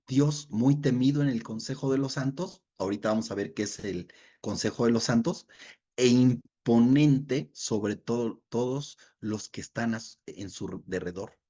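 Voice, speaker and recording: Husky man teaching Bible study. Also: mid-range voice, measured pace, dark tone. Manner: conversational, checks in with listeners, reads verses aloud. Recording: dull lo-fi recording.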